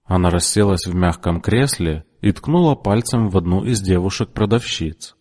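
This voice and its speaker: A man narrating an audiobook in an expressive, measured storytelling manner. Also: sits low. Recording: long room reverb.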